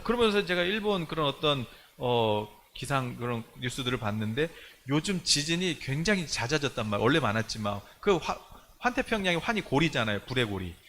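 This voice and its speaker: A man's voice: medium pitch, bright, forceful tone. A man preaching a sermon as pastor, recounting a dream and acting out the voices in it. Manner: storytelling, acting out his own dream with rising urgency. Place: church sanctuary. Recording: faint background noise in a church.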